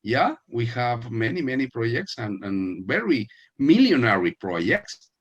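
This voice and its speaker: A man hosts a casual online interview. His pitch swings widely as he talks, and he often restarts his sentences. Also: breathy edge, muffled recording. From Mexico. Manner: halting, many restarts, lively laughing emphasis. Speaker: host. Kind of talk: casual video-call interview.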